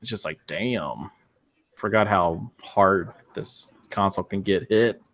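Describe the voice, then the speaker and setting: A man's voice: low-pitched, slow, a bit bright. A man co-hosting a casual gaming podcast, laid-back and opinionated, chuckling often. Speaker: podcast co-host.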